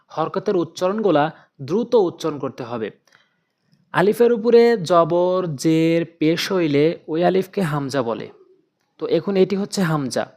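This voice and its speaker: Man, Quran reading teacher, slow, patient drilling, repetitive syllables. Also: on the high side, a little mellow. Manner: patient, repeats each syllable drill slowly. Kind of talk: slow spoken lesson with drilled recitation.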